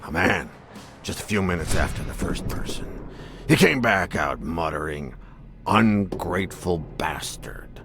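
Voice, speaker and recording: A deep, slow-talking old man, a wry and observant video game witness. His gravelly, phlegmy voice swings up and down over background ambience. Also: lively intonation, background noise. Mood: wry, recalling. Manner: wry, unhurried.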